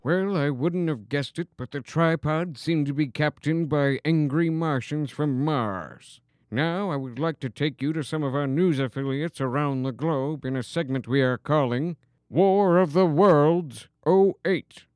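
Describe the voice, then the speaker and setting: A man playing a smug, blunt TV news anchor with a snarky deadpan delivery in a comedy news spoof. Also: fairly high pitch, unhurried, close to an everyday voice.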